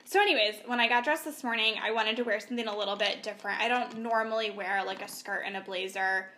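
A woman's voice: fairly high pitch, quick pace, sharp tone, slight background noise. A woman co-hosting a podcast, upbeat and agreeable in casual lunchtime chat. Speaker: podcast co-host.

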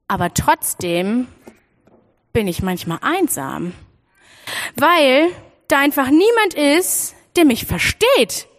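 Young woman, children's sermon, animated storytelling, high voice, swooping pitch. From Freiburg, Germany. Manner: animated storytelling, addresses listeners directly. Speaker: children's church speaker.

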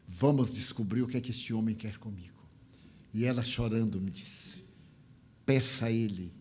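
A man's voice: medium pitch, darkish tone, slight background noise. An older man giving a spiritual talk, telling a story with feeling and mimicking the voices and sounds of the people in it.

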